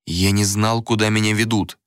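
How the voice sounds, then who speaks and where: A man voicing a worn-out young heir who speaks quietly and wearily. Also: on the low side, moderate pace, smooth, dry recording, clean studio sound, natural voice. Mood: weary. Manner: weary, hushed, flat.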